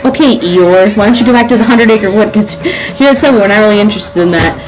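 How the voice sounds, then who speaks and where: A nineteen-year-old woman ranting comedically about work in a sarcastic, exasperated, animated way with frequent swearing. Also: mid-range voice, fast talker, music in the background, low-quality recording. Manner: animated, acts out customers' lines. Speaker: sandwich shop worker. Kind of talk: comedic rant to camera.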